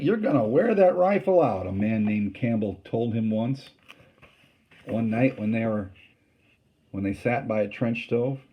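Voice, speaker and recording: A man's voice: medium pitch, lo-fi sound. A man reading a novel aloud to a class and explaining passages in a plain, casual tone. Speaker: teacher.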